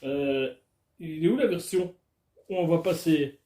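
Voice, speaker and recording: High-voiced man joking crudely in an echoey room. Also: a little slow, dark tone. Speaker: vlogger. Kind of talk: casual unboxing chat. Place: alone in a room at home. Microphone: camera filming him.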